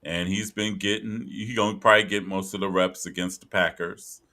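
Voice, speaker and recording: A man hosts a casual sports podcast in a low-pitched, pushed, bright voice, keeping a level tone at normal speed. He chats conversationally, reads from an article, and repeats phrases for emphasis.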